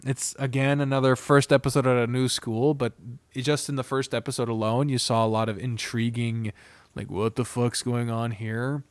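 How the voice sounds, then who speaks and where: Recorded dry with a clean tone, a medium-pitched man reviews visual novels in a loose, unscripted video. He's blunt and expressive, swears frequently, and wanders off into asides.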